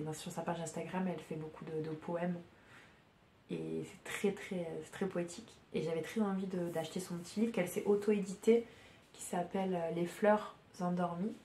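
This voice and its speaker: A woman chatting casually as a podcast host, her voice a little low and soft-spoken. She talks haltingly, full of fillers and restarts. The recording sounds roomy, with a faint hum behind her. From France. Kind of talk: casual chat.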